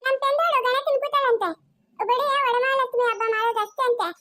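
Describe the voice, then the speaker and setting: A woman's voice: extremely high pitch, quick pace, a bit bright, dry recording, voice pushed up. A woman voicing a bossy little girl who pesters her grandmother with whiny, demanding questions, in a Chikkaballapur Kannada accent. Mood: pestering.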